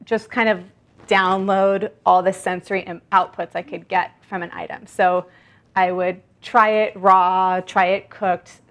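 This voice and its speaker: A woman's voice: medium pitch, little pitch movement, measured pace, fairly bright tone. Chatty woman author showing produce. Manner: chatty, gestures while talking, shows produce. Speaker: guest author. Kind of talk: casual talk at a library event. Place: library event room, indoors.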